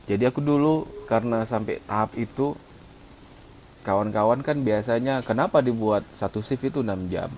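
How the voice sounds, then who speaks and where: A man's voice: medium pitch, normal speed, darkish tone, slight background noise. A man co-hosting a casual chat, explaining at length about mixing music and imitating sounds as he goes. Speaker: co-host, music mixing engineer.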